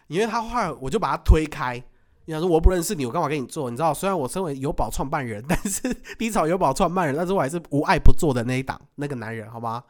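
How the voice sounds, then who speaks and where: A man telling a story in casual chat, animated, laughing often and acting out what he said. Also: on the high side, quick pace. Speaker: podcast co-host.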